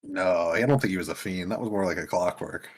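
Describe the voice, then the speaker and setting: A man's voice: sits low, brisk, breathy edge. A man chatting casually as a player in a tabletop game. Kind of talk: casual chat.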